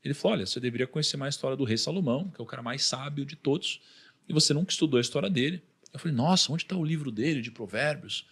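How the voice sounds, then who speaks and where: A man's voice: medium pitch, rapid-fire, gravelly, slightly rough. A man with a Brazilian accent, a podcast guest telling a personal story and acting out what others said. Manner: animated, acts out the voices of others in his story.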